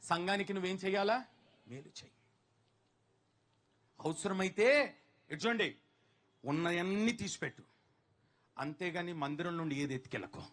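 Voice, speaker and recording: A man's voice: high voice, animated, normal speed, long pauses, fairly bright tone. A man preaching in church, calling on the congregation to answer back and acting out Bible stories in little voices. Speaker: pastor. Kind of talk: sermon. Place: church hall.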